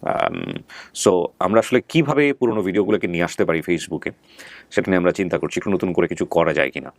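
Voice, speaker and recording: Talking to viewers on his online show, a male host is earnest and reflective in a casual way, full of fillers and restarts. His low, creaky voice is very animated and fast, with no room sound.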